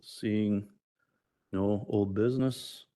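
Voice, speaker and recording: An American man with a fairly low voice chairs a public meeting. He moves through procedure informally, in a brusque, businesslike way. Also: steady tone, extremely slow, warm tone.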